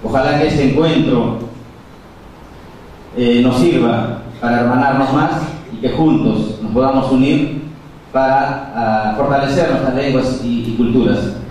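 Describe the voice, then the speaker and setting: Speaking at a formal conference, a man from Peru whose mother tongue is Quechua talks in a measured manner with frequent pauses and fillers. His voice is medium-pitched and darkish, captured far from the mic in an echoey hall with slight hiss or hum.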